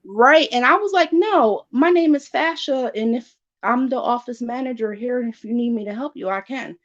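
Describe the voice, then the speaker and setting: A woman tells a story in casual, animated talk. She voices both sides of each exchange as she goes. The audio is a little dull and lo-fi. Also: a little high, a little fast. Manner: acts out both sides of conversations. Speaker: furniture store office manager in customer service.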